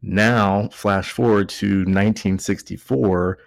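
Gravelly and fairly low, this Texan-accented podcast host takes his time, his intonation fairly even, in a studio-quality recording with no room sound. He's had a few beers and is tipsy, rambling, cracking jokes, and correcting himself as he chats casually.

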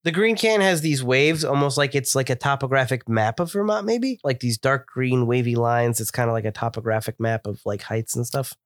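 A man's voice: medium pitch, moderate pace, hardly any pauses, dry recording. A man chats eagerly about what he sees, his voice a little stuffed up from a cold. He sits in an ordinary mid range for a man and is recorded close with no room sound around him. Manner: chatty, descriptive, enthusiastic. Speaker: podcast co-host reviewing beer. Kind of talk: casual chat.

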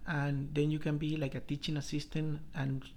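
A middle-aged man from Colombia, a professor telling his life story in an interview, halting with many restarts. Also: on the high side, little pitch movement, a little mellow. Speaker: professor, guest.

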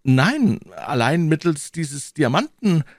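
Man reading a proud young guardsman: high, lively, quick to take offence. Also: no room sound, studio quality, heavily acted. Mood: earnest. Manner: eager, indignant outbursts. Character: young, hot-headed, proud male guardsman. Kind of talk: audiobook character voice.

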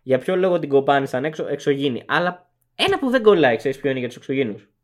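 A man's voice: medium pitch, lively intonation. A young man co-hosting a podcast, casually talking through arguments point by point. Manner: analytical, lists arguments point by point. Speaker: podcast co-host.

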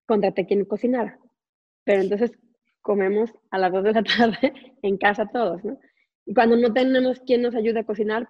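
A woman's voice: fairly high pitch, highs cut off. A woman in her forties with a Mexican accent, a guest telling personal stories in a candid, chatty interview full of fillers and asides over a video call. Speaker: guest entrepreneur.

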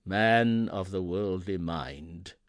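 A man doing a booming, mournful chained ghost. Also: no room sound, clean studio sound. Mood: solemn. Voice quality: slow, solemn, booming.

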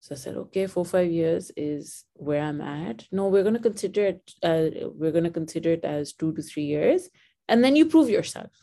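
Woman from Pakistan, podcast guest, mellow low voice, animated storyteller. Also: moderate pace, vocal fry. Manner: animated, laughing storyteller with frequent restarts. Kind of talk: conversational interview.

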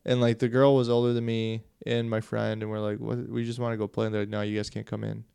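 Young man, podcast co-host, laid-back slang, smooth yet gravelly, dry sound. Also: fairly low pitch, monotone, warm tone, dry recording. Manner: laid-back, slangy, quick agreeing replies. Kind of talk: casual chat.

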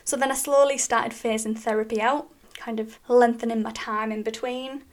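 A young British woman hosts her own podcast, her voice sitting a little on the high side. She talks openly and chattily, often breaking into small laughs between thoughts. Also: steady tone, normal speed. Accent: British English. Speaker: podcast host. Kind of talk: personal podcast monologue.

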